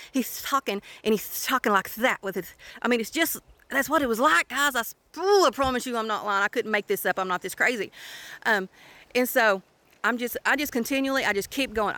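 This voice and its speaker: Woman ministry leader, bright clear voice, earnest casual testimony to camera. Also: a little high. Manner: earnest, emphatic storytelling with many restarts.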